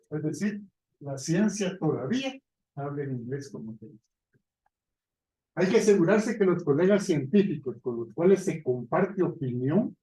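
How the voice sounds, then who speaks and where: A man's voice: a little high, warm tone, echoey room, low-quality recording. A man giving a university lecture in a conversational way, often checking in with his listeners. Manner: conversational, asks "¿verdad?" often.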